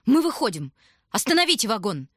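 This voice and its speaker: A woman doing a shrill, tearful young girl. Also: very animated, brisk, a bit bright, slightly rough, no echo, studio quality, full character voice. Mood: desperate. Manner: shrill, crying out. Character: desperate, tearful young girl, older sister.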